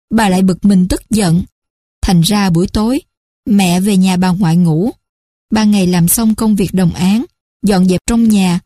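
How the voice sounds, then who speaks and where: A woman's voice: mid-range voice, warm tone, no echo, clean studio sound, close to an everyday voice. A woman voicing a young boy, an eager and caring grandson, who speaks in an earnest, urgent way in a storybook reading.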